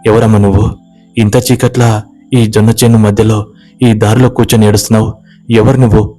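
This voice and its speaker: A man's voice: on the low side, level tone, moderate pace, mellow, faint music behind, lightly acted. A man voicing a worried young village man who keeps coaxing a stranger with urgent questions. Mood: pleading.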